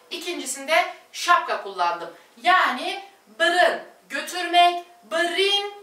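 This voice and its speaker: High, lively woman teaching at a board. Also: distant mic. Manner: repeats each word pair slowly, addresses viewers as friends. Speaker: language teacher. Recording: echoey room, voice off-mic.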